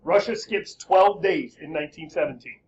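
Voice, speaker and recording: Male teacher, lively and joking, high voice, slightly muffled classroom recording with faint hiss. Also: moderate pace. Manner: lively, joking, quizzing students. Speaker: high school history teacher. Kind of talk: classroom lecture.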